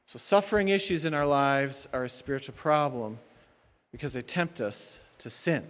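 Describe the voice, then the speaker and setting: A man's voice: medium pitch, normal speed. A male pastor preaching a sermon, moving between plain teaching and acting out heated prayers and complaints. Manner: animated, acts out prayers and complaints. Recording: long hall reverb.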